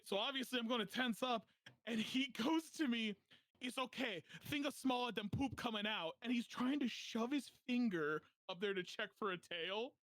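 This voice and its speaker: Young male podcaster, high pitch, animated storyteller, dead-dry mic. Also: dry recording. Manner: animated, laughing while telling a story. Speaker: podcast host. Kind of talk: casual storytelling.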